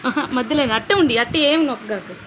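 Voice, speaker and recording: A woman's voice: a little high, very fast. A middle-aged woman with a Nellore Telugu accent, a vlogger chatting at home in doting baby talk to a small child. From Andhra Pradesh, India. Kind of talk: casual family vlog chat. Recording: echoey room from a distance, background noise.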